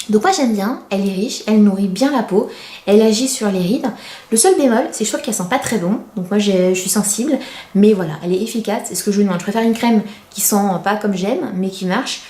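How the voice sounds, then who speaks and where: A woman in her thirties with a dark-toned, medium-pitched voice gives a chatty, casual product review as a beauty vlogger. She comes across as confiding and self-deprecating. The recording has a roomy, echoey indoor sound.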